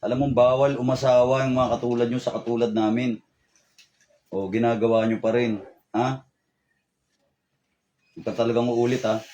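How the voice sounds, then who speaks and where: Male faith healer, commanding and insistent, mid-pitched, short repeated demands. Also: flat delivery, normal speed, pauses often, mellow, muffled recording, slight background noise. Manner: commanding, drives short orders with a repeated questioning tag. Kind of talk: healing ritual, addressing a spirit.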